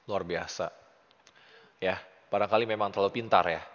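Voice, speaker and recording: A man's voice: low-pitched, steady tone, moderate pace, a bit bright. An Indonesian-accented man tutoring Arabic in a casual lesson, patient and full of praise. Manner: patient, encouraging, praises often. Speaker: Arabic teacher. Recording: muffled audio with long reverb.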